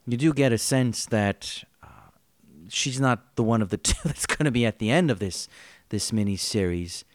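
In a casual podcast chat reviewing a miniseries, a male co-host rambles and jokes, laughing often. He has a mid-range voice at normal speed, captured dry with studio quality.

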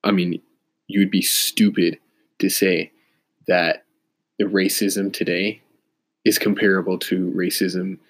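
A man's voice: deep voice, flat delivery, slow pace, long pauses. A man with a stuffy nose from a cold, talking in a rambling, hesitant casual monologue full of fillers and self-corrections. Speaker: vlogger.

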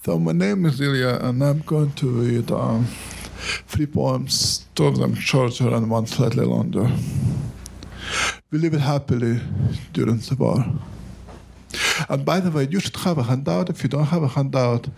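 A man with a heavy Russian accent, a native Russian speaker, reading his own poems aloud at a live event, wry and deliberate between poems. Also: mid-range voice, creaky, a little mellow, slight background noise. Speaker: poet reading his work. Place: event room with an audience.

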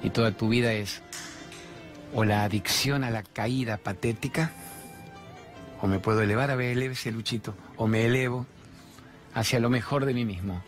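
A man in his fifties speaks with an Argentine accent as he hosts a spiritual talk show. He delivers an animated monologue and often asks rhetorical questions. Quiet music plays faintly behind his voice. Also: medium pitch, moderate pace, long pauses. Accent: Argentine Spanish. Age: 50s.

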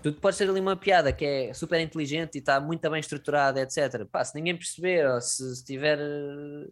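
A man's voice: on the high side, fairly quick. A man chatting casually in a colloquial, slangy, sweary way. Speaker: stand-up comedian. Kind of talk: casual chat.

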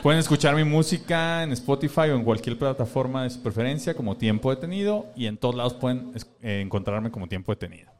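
A man's voice: medium pitch, animated, a little mellow. A man with a Mexican accent co-hosting a casual podcast, thanking fans and reading out a long list of names. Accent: Mexican Spanish. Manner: reads fan names in a drawn-out list. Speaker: podcast co-host.

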